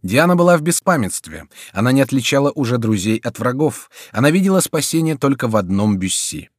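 A man narrating a historical adventure audiobook in a dramatic, measured reading. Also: mid-range voice, big pitch swings, no room sound, studio quality. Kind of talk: scripted narration.

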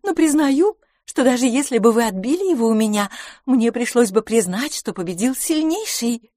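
A high, lively young woman bubbling over with excitement, as a female audiobook reader puts her on. Her voice swoops up and down as she gushes, and the read sounds close and dry. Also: normal speed, dry recording, natural voice. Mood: gushing.

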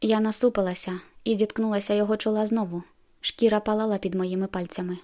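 A woman's voice: mid-range voice, little pitch movement, quick pace, mellow. Woman reading a novel aloud. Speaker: audiobook narrator. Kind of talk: first-person novel narration.

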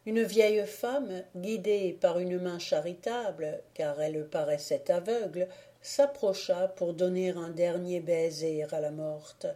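Slow, mellow woman reading a novel. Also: on the low side. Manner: slow, measured, dramatic reading. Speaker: audiobook reader. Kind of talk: scripted audiobook narration.

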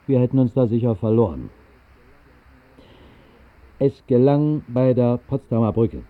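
Playing a whimsical bohemian drinker, a male actor relates his story with wry, literary flair in a 1960s radio drama. He speaks at a medium pitch in a lightly acted manner, heard through tinny, band-limited 1960s radio audio.

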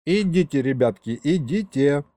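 A man's voice: fairly high pitch, expressive, moderate pace, mellow, no room sound, natural voice. A man voicing a kindly, folksy old grandfather who talks in an old-fashioned, coaxing way.

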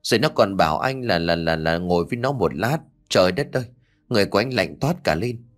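A man's voice: sits low, animated, fast talker. A man voicing a shaken young farmer husband in a ghost-story audiobook, talking in a troubled, hesitant way. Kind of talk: audiobook character voice.

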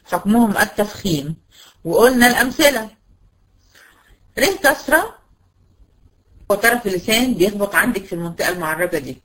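A woman's voice: mid-range voice, animated, a bit bright, rough recording. Egyptian woman teaching tajweed, patient drills. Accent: Egyptian Arabic. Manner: patient, asks questions and answers them herself, drills sounds slowly. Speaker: Quran recitation teacher. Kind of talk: online tajweed lesson.

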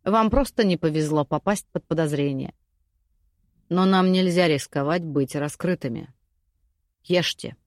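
A woman's voice: sits low, unhurried, pauses often, dry recording, clean studio sound, voice pushed down. Woman doing a terse cloaked man. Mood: cold, regretful. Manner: terse, flat and firm. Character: cold, curt cloaked male jailer. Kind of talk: audiobook character voice.

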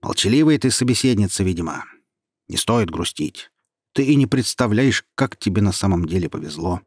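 A man's voice: on the low side, expressive, moderate pace, no echo, studio quality. A man doing a snide know-it-all ornament. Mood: patronizing. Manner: snide, patronizing. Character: old know-it-all female voice of a tree ornament.

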